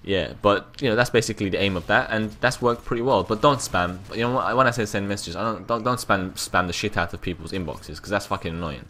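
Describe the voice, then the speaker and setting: A young man with a London accent rambles through casual gameplay commentary, tripping over repeated words and dropping the odd curse. His voice sits a little low but comes across bright and forceful. There is a faint noise behind him. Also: quick pace, few pauses. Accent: London English.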